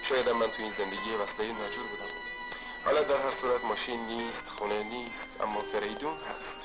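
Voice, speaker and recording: A man's voice: lowish voice, steady tone, lightly acted. An actor playing a reflective, brooding man who talks bitterly about his life in an old film. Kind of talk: 1970s film acting. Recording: old dull film soundtrack with loud music.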